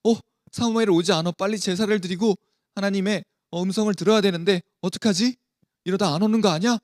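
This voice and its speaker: A man's voice: fast, a little mellow, no room sound, studio quality, natural voice. A man voicing an anxious male king who pleads and makes excuses. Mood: anxious, pleading. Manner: worried, pleading, slightly raised pitch.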